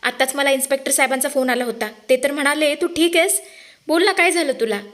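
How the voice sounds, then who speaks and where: A woman's voice: sits high, fast talker, a bit bright, pitched above the performer's own voice. A woman voicing a worried elderly grandmother who asks anxious, pleading questions in a Marathi serial recap.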